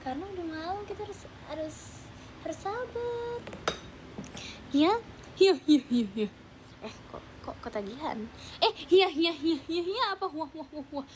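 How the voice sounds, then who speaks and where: Playful high-voiced teenage girl. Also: lively intonation, normal speed, slight background noise. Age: teens. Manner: playful, teasing, chatty with fans. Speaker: idol livestream host. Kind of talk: casual livestream chat with viewers. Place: at home at night, keeping voice down.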